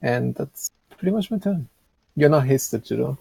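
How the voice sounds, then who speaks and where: A man's voice: medium pitch, lively intonation, moderate pace, vocal fry, warm tone, slight background noise. A man chatting casually as a player in a tabletop role-playing game.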